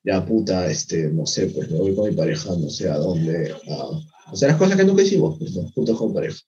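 A man's voice: sits low, big pitch swings, a little fast, mellow, breathy edge. A young man co-hosting a podcast, chatting casually and rambling, often searching for his words and using slang. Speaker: podcast co-host. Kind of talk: casual chat. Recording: dull lo-fi sound.

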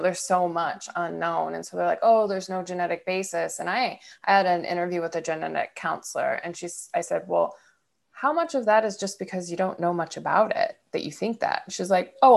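In a casual podcast conversation, a female host from Ohio, USA, rambles with plenty of fillers and laughter. Her voice is on the low side with vocal fry, at a normal speed.

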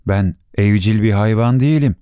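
A man voicing a calm, wise male fox in a low, steady tone. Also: normal speed, clean tone, no room sound, clean studio sound, lightly acted.

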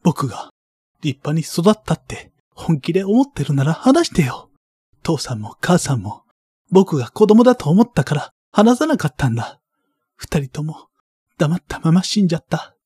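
A man's voice: a little high, big pitch swings, moderate pace, mellow, slightly rough, no echo, clean studio sound, voice pushed up. A man voicing a distressed young boy who demands answers in a raised, pleading voice.

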